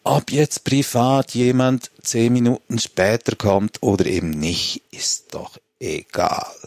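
A man, talking calmly as a guest on a comedic panel show. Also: mid-range voice, slow pace, dry recording, clean studio sound. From Switzerland. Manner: relaxed, reads a letter aloud.

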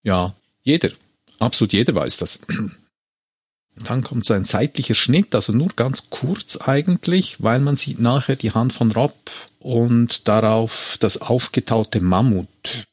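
A man's voice: mid-range voice, takes it slowly, husky, no echo. A man casually retelling a film scene by scene in a chat. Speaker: podcast co-host retelling a film.

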